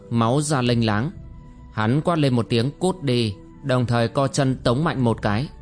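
Guy reading a martial arts novel audiobook, slow steady pace, soft music behind. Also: mid-range voice. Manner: slow, measured storytelling. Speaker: narrator. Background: faint music.

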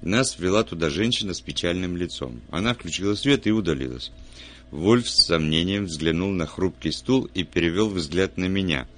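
A man with a very low voice reads a detective novel aloud. His narration is measured and even, and he gives the characters light voices of their own. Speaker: audiobook narrator.

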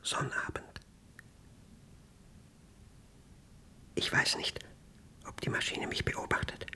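An actor in a radio drama monologue plays an obsessed, paranoid man fighting a machine he fears. He whispers secretively in a sharp tone, speaking intensely in halting, clipped fragments.

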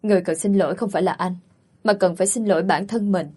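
Storybook: kind elder brother, earnest and urging; woman reading, husky. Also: medium pitch, steady tone, fast, mellow, close to an everyday voice.

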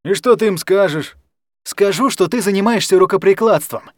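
A man voicing a young woman, a sharp and protective sister, who talks firmly in a read-aloud story. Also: high voice, moderate pace, dry recording, studio quality, pitched above the performer's own voice, close to an everyday voice. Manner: sharp, firm.

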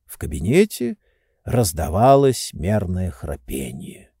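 A man narrating an audiobook in a measured, expressive storytelling manner. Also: low voice, breathy edge, no room sound, studio quality. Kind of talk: scripted narration.

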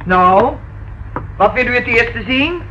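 On a noisy old radio drama recording with the highs cut off, an actress plays a sardonic, unflustered, evasive hotel landlady who is sarcastically polite and defiant. Her voice is a little high and expressive, and she speaks slowly.

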